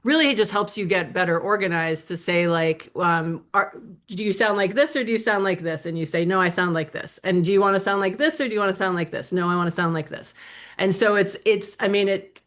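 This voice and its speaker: A woman's voice: mid-range voice, brisk, fairly bright tone. A woman speaking as a guest in a casual interview, chatty and full of little fillers.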